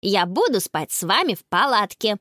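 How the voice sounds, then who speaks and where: A woman's voice: medium pitch, sing-song, normal speed, bright, forceful tone, no room sound, clean studio sound. A woman voicing a tearful, stubborn little boy who sulks and complains in a children's storybook. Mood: whiny. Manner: whiny, sulky.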